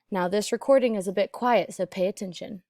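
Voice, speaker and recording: Female instructor, medium pitch, deliberate teaching narration, very dry voice-over. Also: dark tone, no room sound. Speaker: accent teacher.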